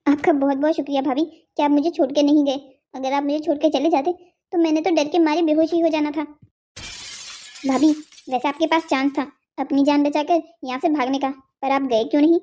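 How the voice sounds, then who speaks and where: A woman voicing a young woman, the sister-in-law in a cartoon family story, talking in a high, urgent, pleading way. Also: fairly even intonation, a little fast, warm tone, natural voice. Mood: grateful.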